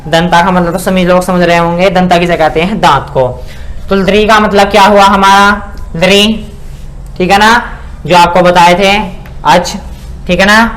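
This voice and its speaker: A man's voice: high-pitched, steady tone, a bit bright. Male teacher, patient classroom delivery, drawing out each syllable. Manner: repeats "ठीक है ना" and sounds out syllables slowly. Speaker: Sanskrit grammar teacher. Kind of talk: spoken lesson explaining pronunciation.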